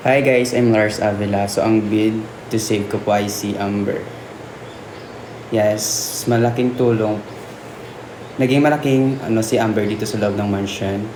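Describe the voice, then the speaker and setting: A man's voice: lowish voice, a little slow. A man nominating housemates, direct with some stumbling restarts. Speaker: reality show housemate. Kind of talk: nomination confessional. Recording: echoey room with steady noise.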